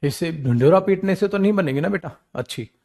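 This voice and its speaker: Moving at a fairly quick clip, a man gives a grammar lecture for government-exam students, pairing English examples with Hindi explanations. By turns he scolds and coaxes them fondly, calls them beta, and mocks their whining in a weak, low voice, staying animated throughout.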